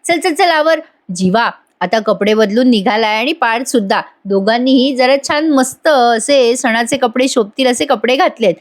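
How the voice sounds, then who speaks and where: Marathi lady doing a chatty serial recap voice-over, bit high voice, acts out the lines, laughs a lot. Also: normal speed, hardly any pauses. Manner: lively storytelling, acting out lines, laughing often. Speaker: TV serial review narrator.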